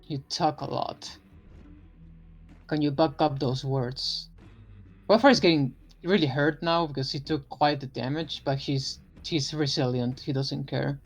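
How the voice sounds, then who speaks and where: A man's voice: fairly high pitch, measured pace, faint music behind. A man chatting casually as a player in a tabletop role-playing game. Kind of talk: casual gaming chat.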